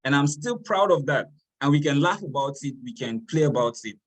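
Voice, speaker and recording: A man's voice: a little high, expressive, fairly quick. A man, moderating a webinar over a video call in an easygoing way. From Cameroon. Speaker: webinar host.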